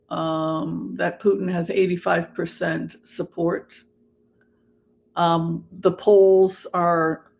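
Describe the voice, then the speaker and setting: A livestream host with a mid-pitched voice talks casually to an online audience. The delivery is camp and theatrical, with drawn-out words and halting phrases. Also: vocal fry. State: allergies, occasional throat clearing. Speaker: livestream host and tarot reader. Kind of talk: casual livestream chat, greeting viewers.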